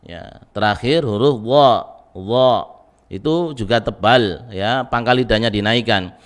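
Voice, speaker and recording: An Indonesian man teaching Quran recitation rules in a recorded lesson, patiently drilling syllables, tagging phrases with a soft "ya" and chanting example verses. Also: on the low side, normal speed.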